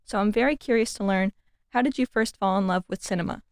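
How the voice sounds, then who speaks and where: A woman's voice: medium pitch, fast, clear, resonant tone, no room sound, clean studio sound. A woman hosting a film podcast, introducing and interviewing a guest with enthusiasm. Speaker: podcast host.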